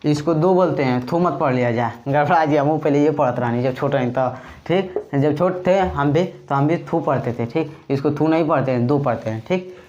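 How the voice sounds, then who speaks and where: A man's voice: a little high, normal speed, a little mellow. A man teaching a casual grammar lesson in a chatty, joking way, with a Bhojpuri-tinged Hindi accent. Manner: chatty, joking, addresses viewers as brothers. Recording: slightly dull lo-fi recording.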